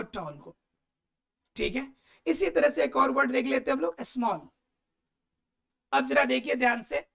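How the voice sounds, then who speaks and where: High, gravelly-voiced woman teaching. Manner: asks and answers her own questions, repeats key words. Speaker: English grammar teacher. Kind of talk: explanatory lesson.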